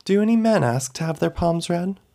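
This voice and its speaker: A man's voice: sits high, expressive, brisk, dark tone, pitched above the performer's own voice. A man reading a story, voicing an eager young wife who implores sweetly. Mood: pleading. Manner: breathless, imploring.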